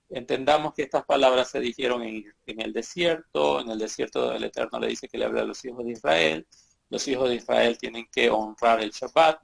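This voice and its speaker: Male congregation teacher, gravelly voice, earnest sermon with emphatic swells. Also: mid-range voice, a bit bright. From Bolivia. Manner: earnest, repetitive exhortation with rising emphatic bursts.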